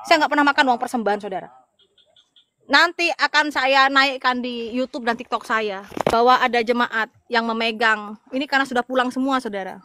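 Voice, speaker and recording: High, bright-voiced emphatic woman evangelist. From Madura, Indonesia. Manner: emphatic, repeats her points. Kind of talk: casual livestream talk to viewers.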